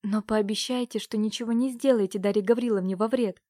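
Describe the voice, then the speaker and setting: A woman's voice: mid-range voice, fairly even intonation, a little fast, mellow, no room sound, studio quality, natural voice. A woman voicing a stubborn, desperate eighteen-year-old noble girl who defies and then pleads with her uncle. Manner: defiant, pleading.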